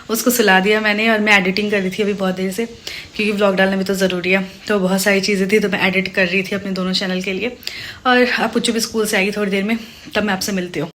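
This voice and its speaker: A woman's voice: mid-range voice, steady tone, quick pace, slight background noise. A woman in her thirties, a mother and vlogger, chatting homely and casual about her day. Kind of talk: casual vlog narration.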